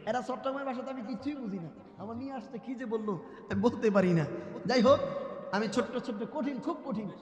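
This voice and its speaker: A man preaching a waz sermon to a large gathering, talking to the crowd and slipping into slow chanted song. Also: extremely high pitch, darkish tone, reverberant, big-room sound. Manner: chanted sermon delivery, breaks into sung English ghazal.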